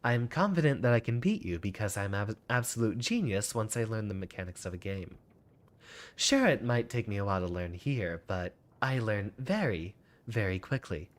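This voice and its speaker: A man's voice: fairly low pitch, sing-song, normal speed. A man giving casual commentary as he plays a card game, boastful and thinking aloud. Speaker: streamer playing a card game. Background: music.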